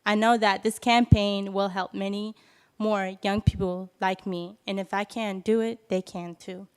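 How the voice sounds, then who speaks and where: A woman in her twenties from Ethiopia, nervously giving a prepared speech at a press event, with halting self-corrections. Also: mid-range voice, steady tone, clear, resonant tone. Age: 20s. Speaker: youth speaker at a press event.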